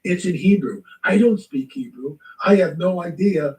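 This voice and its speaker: Animated high-voiced man, echoey and distant. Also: moderate pace. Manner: animated storytelling, acts out quotes. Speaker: guest. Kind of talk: testimony in a talk show.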